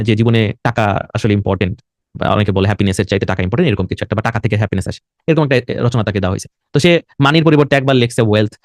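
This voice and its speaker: A young man with a Bangladeshi accent whose first language is Bengali, teaching an online IELTS lesson. He explains things slowly, drops English words into his talk and writes on a board as he speaks. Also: medium pitch, no room sound, studio quality. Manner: writes on a board while talking.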